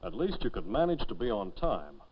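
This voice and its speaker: A man's voice: on the low side, sing-song, fairly quick, breathy edge. An actor playing a middle-aged father who formally scolds his son at dinner, in a 1950s educational film. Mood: reproving. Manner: reproving, formal. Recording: dull lo-fi 1950s film soundtrack.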